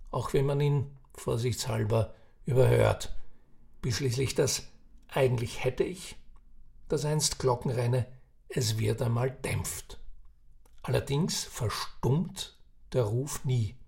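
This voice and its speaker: A male author reads his own reflective prose. He muses and turns straight to the listener, and his voice carries a strong creaky fry at a middle pitch. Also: slow, darkish tone. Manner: musing, addresses the listener directly. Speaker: narrator and author. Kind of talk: reflective audiobook narration.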